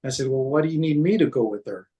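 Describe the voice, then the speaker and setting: Animated yet dark in tone, this man's medium-pitched, breathy voice comes through a rough recording. He once managed city code and, in an interview, recounts workplace events, stopping and restarting often, using fillers, and quoting others in dialogue.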